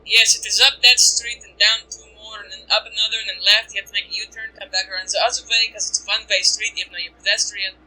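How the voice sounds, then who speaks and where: A game master voicing a dark elf townsperson who gives long, winding street directions in a slow, drawn-out way. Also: medium pitch, flat delivery, poor audio. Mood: helpful.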